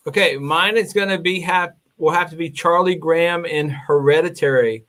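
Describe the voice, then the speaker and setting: A man co-hosting a casual live stream, excitable and full of exclamations. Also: a little high, normal speed.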